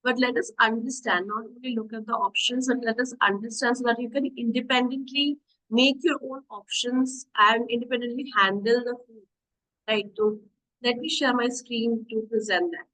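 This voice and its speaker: A young diabetes nutrition coach with an Indian English accent presents an online webinar over a video call, mixing English and Hindi, chatty and encouraging, and asking her audience questions. Her voice is a little high, bright and forceful, with fairly even intonation and a moderate pace. The computer mic gives a rough recording.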